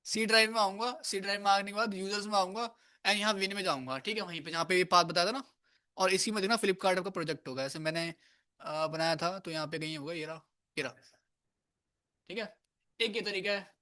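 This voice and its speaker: High-pitched man teaching a coding class in a room, casual and teasing with students. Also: a little fast, bright, forceful tone. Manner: casual, scolds and coaxes students. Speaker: programming teacher. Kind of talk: live classroom lecture.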